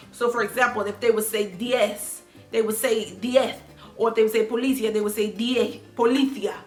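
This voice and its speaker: A young woman vlogging casually to camera, animated and slangy, jumping between loud outbursts and quiet asides. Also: medium pitch. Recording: echoey room with faint music.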